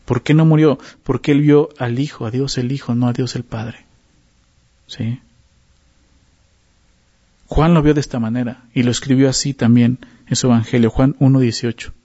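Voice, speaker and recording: A man's voice: medium pitch, fairly even intonation, normal speed, pauses often, mellow. A man preaching a sermon in a conversational teaching manner, often adding tag questions and repeating words as he searches for phrasing. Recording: dull lo-fi sound.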